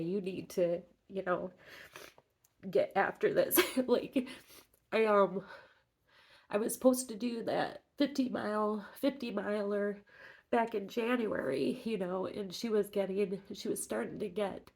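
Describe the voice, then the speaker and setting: A middle-aged woman talking casually in a personal vlog update, halting and reflective, sounding emotional as after crying. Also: mid-range voice, vocal fry, a little mellow. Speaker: fitness vlogger.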